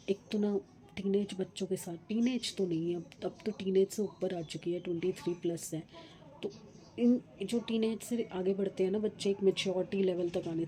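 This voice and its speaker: Slow, low-voiced woman with tooth pain. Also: dark tone. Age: middle-aged. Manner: chatty, rambling about household matters. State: speaking slowly from tooth pain. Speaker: vlogger. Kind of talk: casual daily vlog chat.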